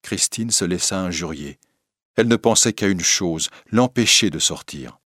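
A man reading a story aloud in measured, dramatic narration. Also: low-pitched, lively intonation, fairly bright tone, no room sound, studio quality.

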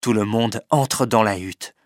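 Male storybook narrator, measured and clear, dry booth sound. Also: on the low side, no echo. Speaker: audiobook narrator.

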